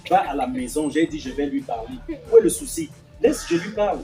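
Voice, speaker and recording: A man's voice: very animated, brisk, creaky, darkish tone, soft background music, low-quality recording. A man playing a patient father who soothes his crying daughter and pleads with his harsh wife. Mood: pleading. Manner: soothing and pleading, switching into sudden high-pitched exclamations. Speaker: actor in a family skit. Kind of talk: scripted skit acting.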